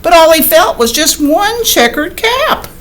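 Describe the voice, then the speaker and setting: Her very high, sing-song voice moves unhurriedly through an animated picture-book reading. Like a teacher, she breaks off for chatty asides and questions aimed at young listeners, and slight hiss or hum is audible.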